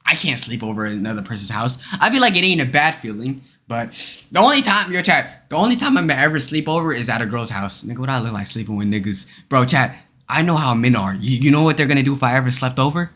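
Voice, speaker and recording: A man's voice: mid-range voice, expressive, quick pace, sharp tone. A young man streaming live, joking crudely and asking his chat questions. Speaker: streamer reacting to a video.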